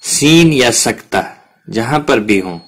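Male Quran tutor, patient explanatory delivery, mid pitch. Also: expressive, fairly bright tone. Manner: patient, explains step by step with examples. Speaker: Quran tajweed teacher. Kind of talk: explanatory lesson.

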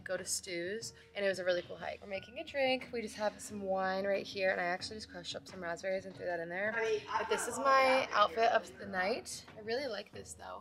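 A woman's voice: mid-range voice, a bit bright. A young woman chatting in a casual, upbeat travel vlog, gushing about what she shows. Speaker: travel vlogger. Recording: vlog with music playing underneath.

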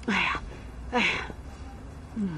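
A woman's voice: slow pace, a little hiss or hum. An actress playing a doting, stubborn elderly grandmother in a TV drama, coaxing and sighing as she talks. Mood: doting, soothing. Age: older. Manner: coaxing, full of sighs and fillers. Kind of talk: TV drama acting. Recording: TV drama with loud background music.

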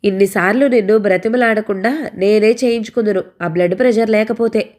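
A woman's voice: mid-range voice, fairly quick, darkish tone, voice pushed up, natural voice. A woman voicing a stern, older male schoolmaster who scolds his wife harshly in an audio story. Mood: scolding.

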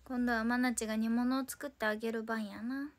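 A Tokyo woman in her twenties hosts a casual solo idol livestream, playfully chatting back to viewer comments. Her voice is on the high side, with a steady tone and a fairly quick pace.

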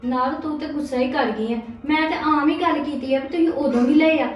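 Casting: a woman as a high-voiced, defensive Punjabi daughter-in-law, with dull, echoey sound. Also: fairly quick, natural voice. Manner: defensive, justifying, placating. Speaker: actor in a family drama.

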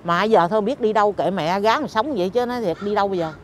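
An older woman from Vietnam with a Southern Vietnamese accent, chatting in an interview in an animated, exclamatory, complaining way. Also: mid-range voice, fast, slight background noise. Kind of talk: casual chat. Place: apartment housing complex.

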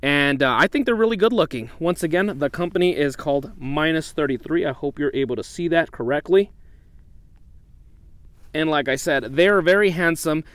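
A man's voice: a little high, normal speed, a bit bright, no echo. Chatty young man reviewing gear outdoors. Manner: chatty, repeats "once again" and "you know". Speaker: outdoor channel host. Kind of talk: casual gear review vlog. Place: outdoors in the desert.

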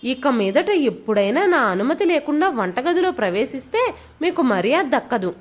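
This is a domineering young daughter-in-law from an audio storybook, loud and scolding, as a woman narrator puts her on. Her high voice leaps up and down as she berates. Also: sing-song, moderate pace. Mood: angry scolding. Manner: shouting, scolding.

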